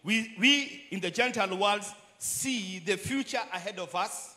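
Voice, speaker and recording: A man preaching to a church congregation, his voice sitting notably high for a man. He delivers the sermon in short, measured phrases and stops after each one to leave room for an interpreter. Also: pushed and bright.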